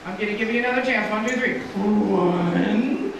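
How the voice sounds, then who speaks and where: A kids' show magician and entertainer races along in a medium-pitched, fairly even voice, hosting a live children's show in an echoey room. With patter typical of a party magician, he coaches a child volunteer and the audience through things in simple steps. He's far from the mic, with loud music and background noise.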